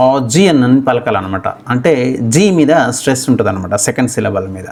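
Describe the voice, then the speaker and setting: Man slowly reading English examples. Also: a little high, darkish tone. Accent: Telugu-accented English. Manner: reads English examples slowly and deliberately, then explains quickly; repeats phrases for emphasis. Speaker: English teacher. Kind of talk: explaining English idioms in Telugu.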